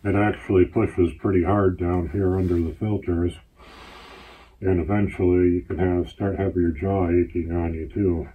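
A man talking through a gas mask, explaining in a plain, matter-of-fact way, his voice husky. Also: deep voice, flat delivery, normal speed. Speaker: gas mask collector reviewing gear. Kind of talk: casual product overview. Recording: tinny, phone-like lo-fi sound.

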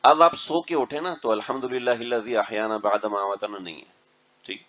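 A man's voice: fairly low pitch, fairly even intonation, fairly bright tone. A man, a mufti, giving an instructional religious talk to a group of pilgrims and often checking that they understand. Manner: keeps checking the audience understands. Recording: dull lo-fi recording.

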